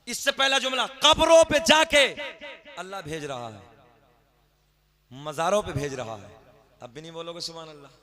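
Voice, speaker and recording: A male preacher with a bright, forceful voice sitting a little high for a man. He delivers an impassioned devotional sermon, moving between quiet talk and loud declaiming. He keeps urging the crowd to answer him. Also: sing-song, normal speed, long pauses. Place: religious gathering with a crowd.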